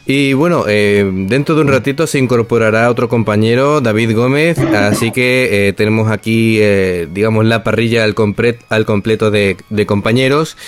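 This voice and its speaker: A man from hosting a casual sports talk show, speaking haltingly with frequent filler sounds. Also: lowish voice, clear, resonant tone. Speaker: podcast host. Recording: music bed behind the voice. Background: music.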